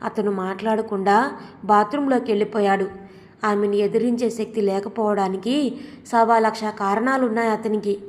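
A woman narrating a story in a calm, steady reading voice. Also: mid-range voice. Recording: long hall reverb.

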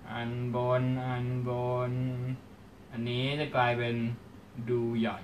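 A man teaching English grammar in a live lecture, animated and acting out short question-and-answer exchanges. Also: medium pitch, takes it slowly, a little hiss or hum.

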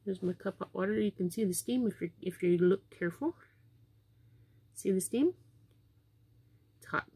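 In her Kansas home kitchen, an older woman talks casually to camera as she cooks, her mid-range voice warm and slightly rough at a moderate pace. She thinks aloud and rambles, moving toward and away from the built-in camera mic amid tap water and kitchen clatter.

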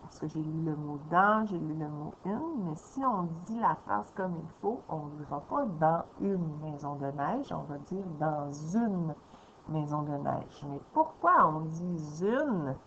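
A woman teacher leading a slow, patient reading lesson for young children, sounding out syllables. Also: low-pitched, slight background noise. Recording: slightly dull lo-fi recording.

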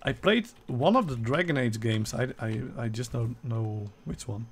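A man from the Netherlands with a Dutch accent streams a game live, chatting with viewers and teammates, reading chat aloud, and laughing often. His medium-pitched voice moves at normal speed over a little hiss or hum.

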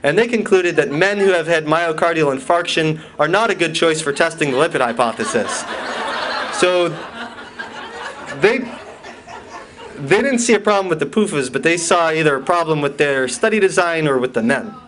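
A man's voice: fairly high pitch, expressive, normal speed, a bit bright. A man giving a conference lecture from slides, with dry, wry asides, questions to the audience and many fillers and restarts.

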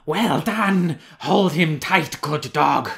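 A man shouting as a shrill, wicked huntsman. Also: slow pace, gravelly, exaggerated voice. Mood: savage shouting. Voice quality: shrill and powerful. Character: shrill, cruel hunting man urging on his dog.

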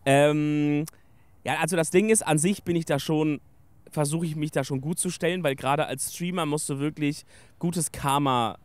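A man's voice: fairly high pitch, steady tone, normal speed, no room sound. A young man hosting a podcast and chatting casually in youthful slang. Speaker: podcast host, streamer. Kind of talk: casual chat.

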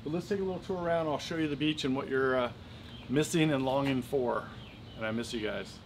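A man's voice: mid-range voice, fairly quick, a little hiss or hum. A middle-aged man giving a casual video tour to camera as a vlogger, recorded outdoors a few steps from the camera. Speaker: vlogger and dive guide. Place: outdoors at a seaside resort. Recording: music behind the voice.

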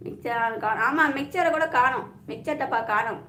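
A woman's voice: a little high, brisk, bright, forceful tone. A woman from hosting a casual live stream, chatty and teasing as she greets viewers by name. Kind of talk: casual live chat reading viewer comments. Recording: echoey room with faint ambient noise.

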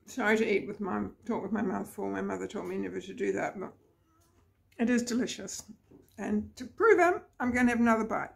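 A woman's voice: medium pitch, fairly quick, creaky. A woman vlogging casually about her garden, chatty and rambling, often laughing as she talks. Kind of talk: casual chatty vlog to camera. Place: home garden in hot weather.

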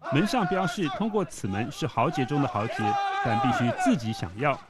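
A man's voice: medium pitch, sing-song, a little fast. A man with a Taiwanese Mandarin accent reading scripted documentary narration for a news report. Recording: voice-over with loud crowd behind.

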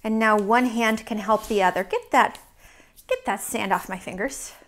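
A woman teaching yoga to young children, playful and silly, with sudden high exclamations. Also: normal speed, fairly bright tone. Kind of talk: guided kids' yoga lesson.

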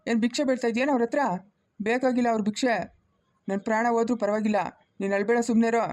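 A woman's voice: a little high, fairly even intonation, fast talker, a little mellow, pitched below the performer's own voice, lightly acted. A woman doing a bitter, stubborn old village man. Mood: bitter, defiant. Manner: bitter, refusing help. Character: grieving proud older village man, stubborn.

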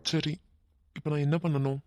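A performer voicing an easygoing, teasing young man in a cartoon, with a Kanyakumari Tamil accent and a soft, coaxing way of talking. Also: medium pitch, little pitch movement, moderate pace, faint music behind, natural voice. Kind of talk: cartoon voice acting.

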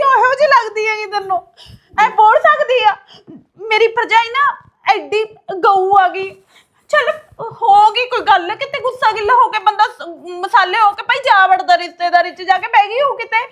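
A woman playing a sharp-tongued, proud young wife who talks in a scolding, indignant way. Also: very high-pitched, heavily acted. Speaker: daughter-in-law.

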